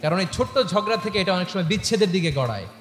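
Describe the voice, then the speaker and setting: A man preaching an animated sermon through loudspeakers to a large gathering, telling stories and firing rhetorical questions at the crowd. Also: high voice, rapid-fire. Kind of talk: sermon with storytelling. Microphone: microphone through loudspeakers. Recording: echoey public-address sound with long reverb and faint noise.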